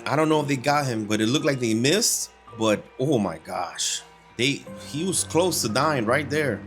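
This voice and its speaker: A man's voice: mid-range voice, lively intonation, normal speed, faint music behind. A man hosting a reaction video with casual commentary and an incredulous, mocking manner.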